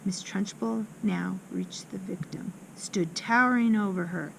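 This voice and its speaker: A woman reading a children's book aloud, expressive, with small slips and restarts. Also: medium pitch, measured pace, gravelly. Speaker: reader. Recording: loud background noise with passing traffic.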